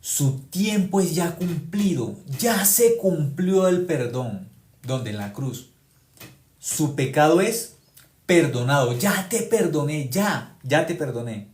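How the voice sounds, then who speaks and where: A man's voice: animated, slow. Emphatic male preacher in an echoey room. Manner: emphatic, swings between loud exclamations and quiet low lines; repeats phrases for emphasis. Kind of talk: sermon.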